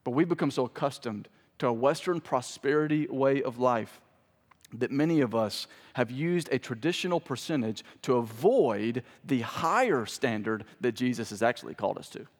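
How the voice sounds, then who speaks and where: Male pastor, mid-pitched, conversational sermon rising to emphatic points, long church-hall reverb. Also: lively intonation, normal speed. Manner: conversational preaching that swells into emphatic peaks. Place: church sanctuary with congregation.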